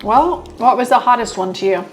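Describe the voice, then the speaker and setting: A woman's voice: on the high side, lively intonation, fairly quick, faint music behind, poor audio. A woman co-hosting a food show, chatting casually while tasting hot sauces. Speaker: co-host of a local food and small business show.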